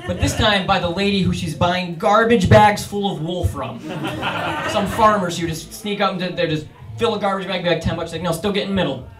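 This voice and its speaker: A man's voice: sits high, normal speed. A young man performing a stand-up comedy set in a club, telling stories with energy and acting out voices. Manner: energetic storytelling, acts out voices. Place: comedy club in front of a crowd. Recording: roomy club sound from a distance with audience.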